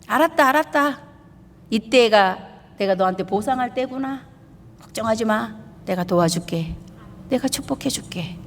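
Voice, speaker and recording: A woman preacher voicing a kind, fatherly God who gently reassures a believer. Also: high-pitched, slow pace, slight background noise, pitched above the performer's own voice. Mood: reassuring. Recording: long reverb of a church hall.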